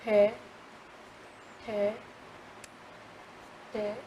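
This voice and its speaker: A woman's voice: medium pitch, monotone, mellow, slight background noise. A woman student answering a lesson hesitantly, saying single letters back to her teacher.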